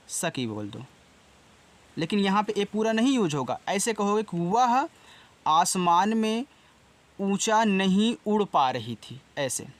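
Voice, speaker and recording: A man with a Hindi accent teaching an English lesson in a casual way, spelling each word out letter by letter and repeating it. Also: high voice. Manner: slow, spells words letter by letter and repeats them.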